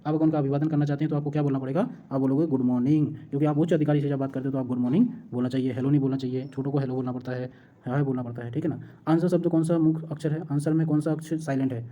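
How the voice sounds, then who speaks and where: A woman's voice: extremely low pitch, fairly even intonation, very fast, mellow, lo-fi sound. A woman tutor explaining exam answers, repeating each question and then answering it, and often checking that the listener follows.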